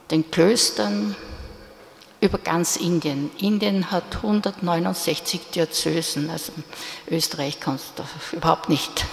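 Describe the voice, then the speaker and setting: A woman's voice: mid-range voice, creaky. An older woman with an Austrian German accent telling her story in an earnest, insistent way. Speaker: speaker giving a testimony. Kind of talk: personal storytelling talk. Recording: echoey hall reverb.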